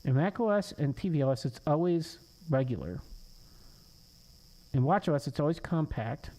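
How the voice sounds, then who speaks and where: A man hosting a live coding stream thinks aloud as he works, frustrated, muttering to himself and cursing under his breath. His voice is on the high side and dark in tone, with lively intonation at a moderate pace, and the recording quality is low.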